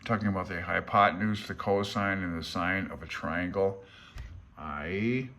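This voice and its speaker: An unhurried man with a low voice and a sharp tone rambles casually while paging through a handbook. The amateur radio hobbyist and vlogger is plain-spoken and self-deprecating about the book, talking as a hobbyist rather than an expert.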